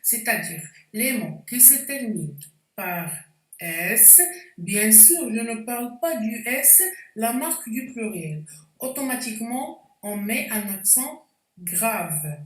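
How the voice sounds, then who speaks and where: A woman's voice: a little high, animated, echoey room, recorded from a distance, low-quality recording. A woman teacher giving a spelling lesson, explaining step by step with frequent hesitations. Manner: slow, deliberate explanations with hesitations.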